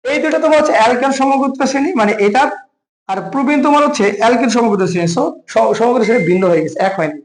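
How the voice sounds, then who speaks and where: A man's voice: very high-pitched, rapid-fire, reverberant, low-quality recording. A man with a Bangladeshi Bengali accent teaching an exam-prep chemistry lesson, quizzing the listener with questions and then answering them himself, and calling the viewer brother. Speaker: chemistry tutor.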